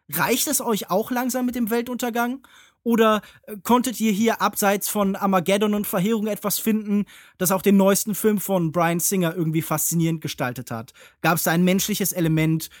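A man's voice: high-pitched, dry recording, clean studio sound. A man discussing films analytically as a podcast panelist, in intellectual, elaborate phrasing.

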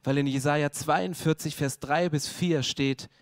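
A man's voice: fairly high pitch, steady tone, measured pace, no room sound, studio quality. A male preacher delivering an emphatic sermon in a casual, slangy way, speaking straight to the listener.

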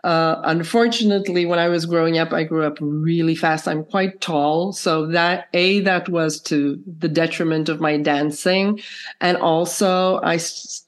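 A woman with a croaky, froggy voice, hoarse from a cold, telling her story casually as an interview guest. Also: low voice. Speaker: podcast guest, filmmaker and choreographer.

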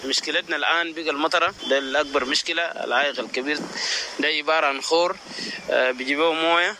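A man's voice: a little high, steady tone, very fast, noisy background. A man giving an informal spoken interview answer for a news report.

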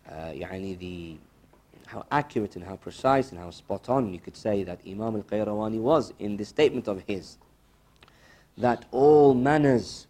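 A man giving a religious lesson as a teacher, didactic and questioning, repeating key phrases with pauses and mixing Arabic quotations into English. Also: fairly low pitch, warm tone. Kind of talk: religious lesson, quizzing listeners and explaining.

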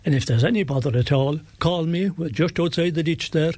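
A man's voice: a little high, a little fast, darkish tone, no echo, close to an everyday voice. A man voicing an anxious, hospitable country mother in a lilting Irish storyteller's folktale, urgent and repeating herself. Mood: pleading, hurried.

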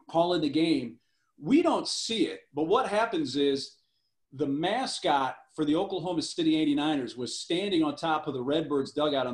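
A man's voice: fairly high pitch, roomy sound. A man telling a casual, rambling anecdote about his broadcasting days, acting out the voices of the people in it. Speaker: former minor league baseball broadcaster. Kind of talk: casual storytelling.

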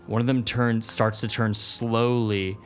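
A man's voice: on the low side, flat delivery, a little slow, faint music behind. A man narrating a tabletop game as game master, improvising as he goes.

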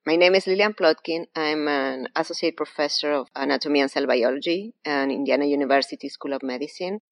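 A low, deep-voiced woman with an Argentine Spanish accent is the guest here, an anatomy professor fielding interview questions a little fast. Her explanations of the science unfold step by step, patient and methodical.

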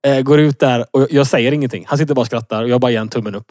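A man's voice: mid-range voice, a little mellow, no room sound, clean studio sound. A man in his thirties co-hosting a casual podcast, rambling through a story with lots of fillers and laughing at himself. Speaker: podcast co-host. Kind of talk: casual chat, telling an anecdote.

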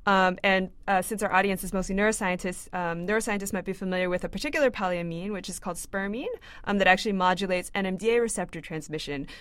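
A woman's voice: mid-range voice, fast, few pauses, fairly bright tone, smooth, dry recording. A woman in her twenties hosting a science interview, asking questions with frequent "um" and "uh" fillers. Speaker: interview host, graduate student. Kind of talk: scripted intro then interview questions. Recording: dry close mic with faint music.

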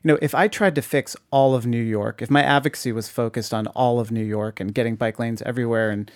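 A man's voice: mid-range voice, fairly even intonation, fast, dry recording. A man co-hosting a talk podcast, chatting casually and giving informal, emphatic advice to listeners. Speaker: podcast co-host.

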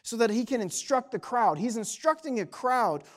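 A man in his thirties preaching a sermon, telling a family story in a relaxed, slangy, conversational way. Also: very high voice, moderate pace. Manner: storytelling, conversational with slang and quoted kids' voices. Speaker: pastor. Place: church sanctuary.

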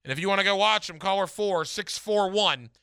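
Male sports radio host, contest promo delivery: very bright, close dry sound, emphatic, repeats himself for punch. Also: high-pitched, brisk, clean tone, no echo. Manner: emphatic, repeats phrases, direct address to listeners. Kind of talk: radio contest promo, announcing a ticket giveaway to callers. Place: radio studio.

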